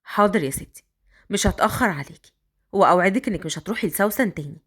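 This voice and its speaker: A woman with an Egyptian accent voicing a smitten older rich man who coaxes in slow, drawn-out lines. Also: medium pitch, animated, a bit bright, husky, voice pushed down. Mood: coaxing. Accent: Egyptian Arabic.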